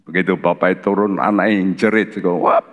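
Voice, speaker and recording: A man's voice: fairly low pitch, slow. An older man with a Javanese accent preaching a sermon in church, telling folksy stories and acting out the voices in them. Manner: folksy storytelling, acts out voices in his stories. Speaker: pastor.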